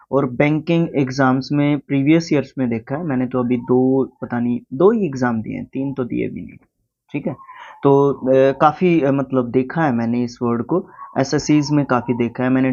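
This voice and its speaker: A man's voice: mid-range voice, darkish tone. A man with an Indian accent teaching English spelling in a casual Hindi lesson, spelling words out letter by letter and asking the viewer questions. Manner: asks the viewer questions, then answers them. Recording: slightly dull, lo-fi recording.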